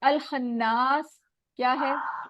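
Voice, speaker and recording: High-voiced woman teacher on a choppy call. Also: steady tone, very slow, a bit bright, slight background noise. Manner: patient, questions students word by word. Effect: voice cutting out over a bad call connection. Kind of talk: online language lesson. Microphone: video call. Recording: dull dry online call audio.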